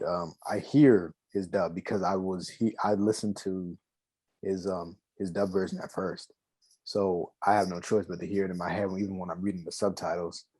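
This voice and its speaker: A man's voice: sits low, a little mellow. A man co-hosting a casual anime review podcast, laid-back and hesitant, with frequent ums and repeated words. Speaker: podcast co-host.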